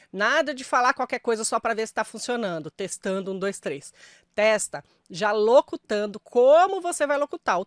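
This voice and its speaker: A woman's voice: a little high, dry recording. Brazilian woman coaching voice-over, dry close sound. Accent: Brazilian Portuguese. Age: middle-aged. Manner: friendly, emphatic, addresses viewer directly. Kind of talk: direct-to-camera voice tips.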